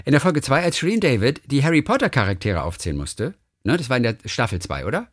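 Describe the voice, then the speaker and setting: A man's voice: mid-range voice, fast, no room sound, studio quality. A man hosting a podcast and reading listener messages aloud in a casual chat, telling stories with lots of restarts. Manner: lively, animated storytelling with many restarts. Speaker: podcast host.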